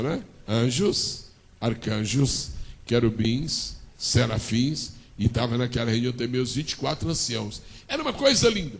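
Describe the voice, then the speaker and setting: Brief: Brazilian male pastor, gravelly voice, fairly high-pitched, animated call-and-response sermon. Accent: Brazilian Portuguese. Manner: dramatic storytelling with call-and-response.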